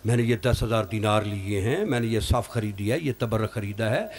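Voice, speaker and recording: A man delivering an emotional mourning sermon as a cleric, with rhetorical tags and sudden leaps in pitch and loudness. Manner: impassioned, swinging sharply in pitch and loudness, rhetorical "hain?" tags. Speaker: Shia cleric leading a Muharram majlis.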